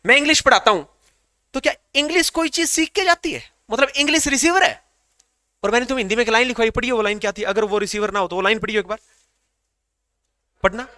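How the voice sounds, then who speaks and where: A man's voice: very high-pitched, brisk, long pauses, sharp tone, no room sound, clean studio sound. A man teaching an English grammar class to students, asking questions and repeating the answers back.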